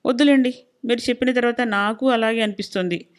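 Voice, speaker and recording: A woman voicing a soft-hearted middle-aged wife who speaks gently and pleadingly. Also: fairly high pitch, fairly even intonation, quick pace, natural voice. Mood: pleading gentle.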